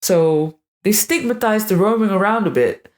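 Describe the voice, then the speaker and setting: A woman's voice: mid-range voice, animated, normal speed, darkish tone. A woman delivering a scripted video monologue with sarcastic, crude asides. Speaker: video creator.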